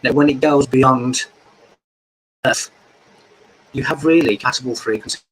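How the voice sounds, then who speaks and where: A man's voice: mid-range voice, moderate pace. A man giving a spiritual talk as a guest on a video call, his microphone crackling and distorted. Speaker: guest speaker.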